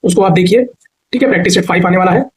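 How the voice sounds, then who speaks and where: A man's voice: high voice, racing, darkish tone, poor audio. A man teaching a grammar and spelling class, asking a question and answering it himself, repeating each answer and stretching words out to show the spelling. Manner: repetitive drilling question-and-answer. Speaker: Hindi teacher. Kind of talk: online exam-prep lesson.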